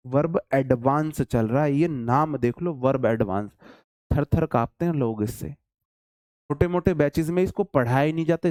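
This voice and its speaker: A man's voice: on the high side, a little mellow, no room sound, studio quality. A man with a Hindi accent teaching an online English class, chatty and teasing his students. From India.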